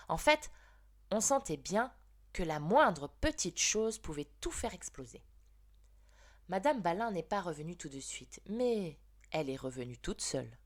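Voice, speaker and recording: A woman reading a children's book aloud in an expressive storytelling manner. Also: lowish voice. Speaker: reader.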